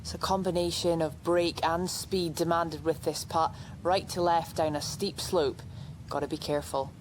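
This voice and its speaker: A woman's voice: deep voice, fairly even intonation, moderate pace, slight background noise, close to an everyday voice. A woman giving golf commentary as an on-course reporter in a video game. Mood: focused.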